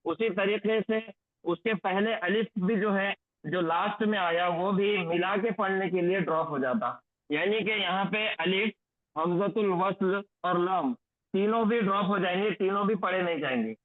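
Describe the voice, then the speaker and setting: A high-voiced man teaches a Quranic Arabic recitation lesson, slowing down to drill each phrase repeatedly. The audio is tinny, phone-like, and lo-fi, dry and close with no echo or room sound.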